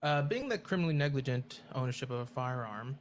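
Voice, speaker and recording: A man role-playing a prosecutor, formally addressing a court with somewhat halting phrasing. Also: mid-range voice, animated, slight background noise. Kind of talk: improvised courtroom role-play.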